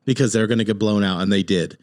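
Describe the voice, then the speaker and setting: A man's voice: fairly low pitch, fast, a little mellow, dry recording, clean studio sound. Opinionated man hosting a casual podcast. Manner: opinionated, rambling, joking. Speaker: podcast host. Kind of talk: casual sports chat.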